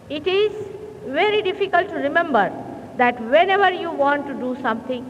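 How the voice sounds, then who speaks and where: A woman giving a slow, deliberate sermon to a hall through a microphone, often clearing her throat, heard on an old 1970s recording. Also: high-pitched. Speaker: spiritual teacher. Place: large hall. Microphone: speaking into a hall microphone. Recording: old muffled hall recording with faint hiss.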